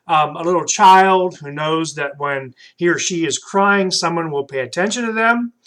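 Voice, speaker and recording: A man gently and patiently teaching a children's Bible lesson, pausing with frequent fillers. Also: high-pitched.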